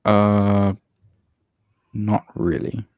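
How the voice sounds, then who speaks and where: Deep-voiced laid-back young man. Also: completely flat delivery, extremely slow, clean tone, dry recording, dull audio. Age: young adult. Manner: laid-back, hesitant, many fillers. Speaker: podcast co-host. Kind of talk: casual chat.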